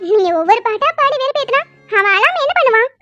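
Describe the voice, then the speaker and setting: A woman's voice: extremely high pitch, expressive, fast talker, pushed and bright, dry recording, faint music behind, exaggerated voice. A woman voicing a teasing young woman in a cartoon who scolds her brother and dotes on the baby. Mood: scolding. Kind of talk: cartoon voice acting. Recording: dull dry lo-fi recording.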